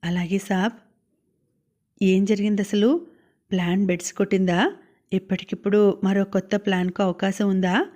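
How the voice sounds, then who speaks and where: A woman narrating a novel as an audiobook reader, in steady, even storytelling. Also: mid-range voice, normal speed. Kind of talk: scripted narration.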